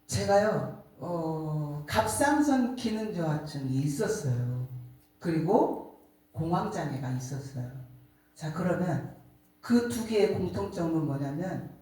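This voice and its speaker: Middle-aged woman sharing a sermon testimony, lively expressive pitch, recorded from a distance in an echoing room. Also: slow pace. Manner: animated storytelling, acts out quoted voices. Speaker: church speaker giving a testimony. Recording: echoey room, distant mic.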